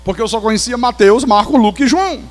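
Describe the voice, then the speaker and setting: Brazilian man, pastor, animated sermon testimony, bits of humor, echoey church hall. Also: very high-pitched, fast talker. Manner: animated storyteller with touches of humor. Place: church sanctuary.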